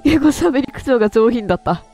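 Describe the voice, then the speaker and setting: A woman's voice: fairly high pitch, animated, a little fast, warm tone, faint music behind. Chatty woman streamer, quips at herself. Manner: frequent self-corrections and stumbles while reading. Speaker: game streamer. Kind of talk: horror game let's play, reading stories aloud with commentary.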